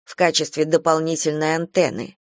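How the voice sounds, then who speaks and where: A man reading a first-person literary novel aloud as an audiobook, in an even, measured way. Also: fairly high pitch, dry recording, clean studio sound. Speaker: audiobook reader.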